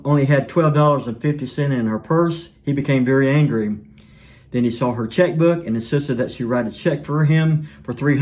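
A man preaching a sermon in an earnest way, his voice sinking soft and low at the ends of lines.

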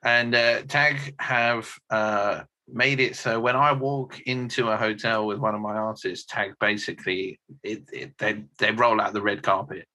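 A man's voice: lowish voice, fairly even intonation, measured pace, few pauses, sharp tone. A man co-hosting a podcast, chatting casually and swearing with a laugh. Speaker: podcast co-host, tour manager. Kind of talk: casual chat.

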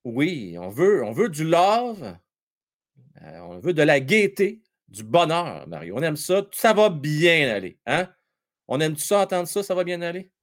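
A man with a Québécois French accent hosting a hockey livestream, chatting and joking with his viewers in an excitable way. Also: on the high side, a little slow. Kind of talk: casual live chat with viewers.

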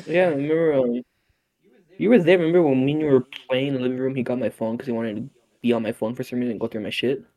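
A man's voice: medium pitch, fairly even intonation, quick pace, mellow. Blunt young man, mid-range voice. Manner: profane, blunt, retelling stories. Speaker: podcast co-host. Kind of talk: casual chat.

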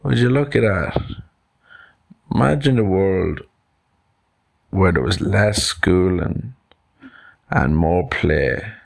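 A man's voice: low voice, animated, takes it slowly, creaky, pauses often. An Irish man hosting a podcast, telling a fable in a loose, rambling way. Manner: rambling, loose, with fillers and restarts. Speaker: podcast host. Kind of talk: casual storytelling.

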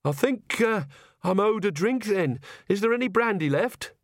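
A man's voice: sits high, expressive, normal speed, dry recording, studio quality, voice pushed up. A man voicing an anxious young woman witch in an audiobook, nervous and hesitant.

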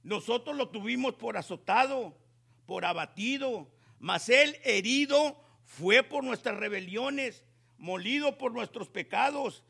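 Slow, gravelly-voiced male preacher. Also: very high-pitched, expressive, bright, forceful tone. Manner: slow, emphatic preaching with rising exclamations. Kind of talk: sermon.

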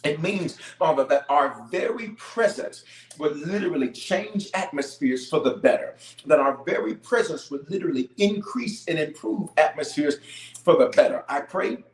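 A man, a bishop leading fervent spontaneous prayer, repeating phrases emphatically and rallying his listeners in a preacher's cadence. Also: a little high. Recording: echoey, reverberant room sound.

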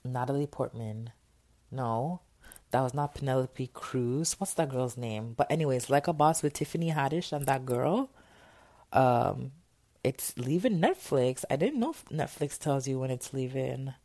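Recorded at home as a phone voice memo through earphones, this casual venting monologue comes from a young woman podcast host who rambles candidly and uses many fillers. Her voice is rumbling and low, a little slow, and warm, with no room sound.

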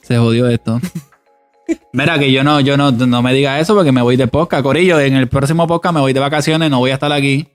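A man's voice: medium pitch, steady tone, fairly quick, soft background music. Joking man co-hosting. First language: Spanish. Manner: joking, defensive about his English. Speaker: podcast co-host. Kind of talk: casual chat.

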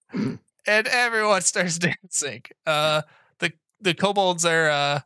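Woman GM, loose chatty narration, frequent laughs, bright tone. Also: very deep voice, clean tone, no echo, clean studio sound. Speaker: game master. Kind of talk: narrating a tabletop game.

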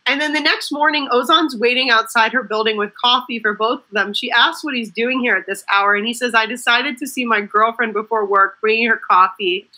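A woman's voice: fairly high pitch, pushed and bright, poor audio. A woman in casual chat, eagerly retelling a TV episode scene by scene and quoting the characters. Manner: gushing, fast retelling with quoted lines. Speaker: show recap co-host. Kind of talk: casual chat recapping a TV series.

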